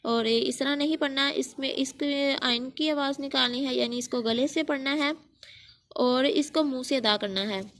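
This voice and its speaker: A woman's voice: high-pitched, a bit bright. A woman Quran teacher giving a reading lesson, drawing out letter sounds patiently and explaining between drills. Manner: slow, drawn-out recitation of letter sounds.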